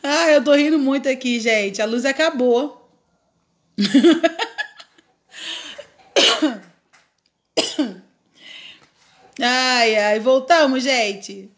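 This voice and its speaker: Chatty high-voiced Brazilian woman crafting live. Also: very slow, pauses often. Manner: chatty, laughs often, greets viewers by name. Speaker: craft live-stream host. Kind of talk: casual live craft tutorial chat.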